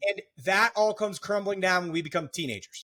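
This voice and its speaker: Bright high-voiced man explaining emotions. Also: fairly quick. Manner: explanatory, joking asides, many fillers. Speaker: podcast host, therapist. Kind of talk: casual podcast chat.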